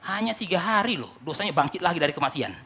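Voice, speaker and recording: A male pastor preaching an animated sermon, often calling out to the congregation and mimicking churchgoers. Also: on the high side, fast talker, husky.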